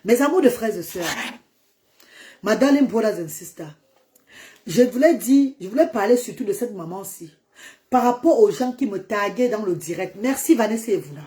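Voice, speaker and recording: A woman's voice: mid-range voice, animated, moderate pace, mellow. A woman who runs a charity, talking defiantly to critics on a live social media stream, stressing her points and slipping into English phrases. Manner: defiant, emphatic, slips into English. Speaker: charity founder on a livestream.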